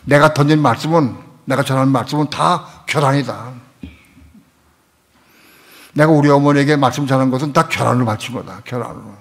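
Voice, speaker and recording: A middle-aged male pastor delivers a sermon as a heartfelt personal story. He drops to a near hush, then builds to loud, emphatic repetition. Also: mid-range voice, a little fast. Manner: emotional storytelling, swings from hushed to loud.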